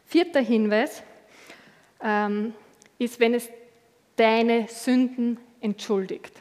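A woman's voice: fairly high pitch, fairly even intonation, takes it slowly, darkish tone, in a large hall. A woman preaching a sermon in a conversational, earnest way, acting out inner voices with many fillers.

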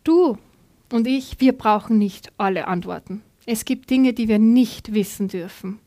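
A woman's voice: a little high, measured pace, mellow, dry recording. Earnest woman preaching in church. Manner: earnest, addresses listeners directly. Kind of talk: scripture reading and sermon.

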